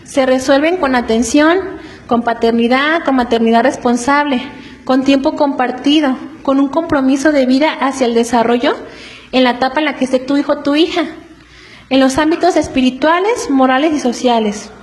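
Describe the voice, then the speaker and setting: A woman preaching to a congregation in an earnest, explanatory way, often checking in with quick rhetorical questions. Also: high voice, low-quality recording. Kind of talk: church teaching on family.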